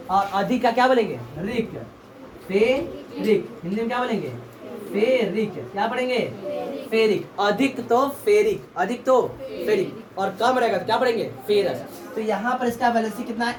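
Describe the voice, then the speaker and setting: A woman teaching a classroom lesson, asking the class questions and repeating the answers back. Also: a little high. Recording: echoey room from far off, faint background noise.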